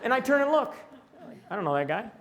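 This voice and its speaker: An older man leads a conference lecture in a hall, his voice sitting noticeably high for a man. He is animated and keeps breaking off to demonstrate speech sounds aloud. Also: fast, some chatter behind. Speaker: presenter.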